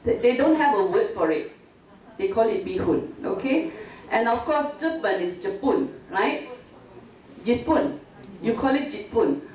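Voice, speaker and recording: A woman's voice: a little high, animated, a little slow, darkish tone, distant mic. A Malaysian woman giving an interactive university lecture, quizzing her audience with frequent tag questions like "right?" and "okay?". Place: university multimedia classroom. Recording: echoey classroom, mic from afar, faint hiss.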